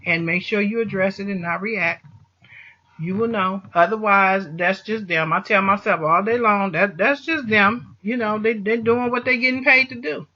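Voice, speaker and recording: A male vlogger answers a listener with an impassioned motivational monologue of religious encouragement, emphatically repeating phrases to stress them. His voice is high and sharp-edged, his tone steady and his pace moderate. The sound is muffled and lo-fi.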